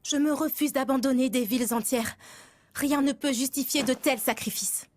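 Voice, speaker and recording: A woman's voice: high voice, moderate pace, darkish tone, dry recording. A woman voicing an earnest young princess in an anime dub, speaking formally.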